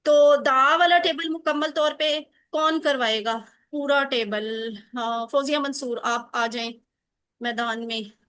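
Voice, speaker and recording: Woman, online teacher, high voice, bright tone, encouraging, asks many questions. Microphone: video call.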